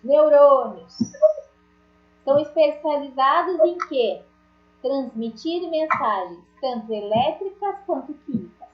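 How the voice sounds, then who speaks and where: A high-pitched woman teaches an online class, chatty and full of small jokes as she talks straight to her students. Her voice comes through a dull, lo-fi call with a roomy echo. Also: animated, takes it slowly. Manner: chatty, jokey, addresses students directly.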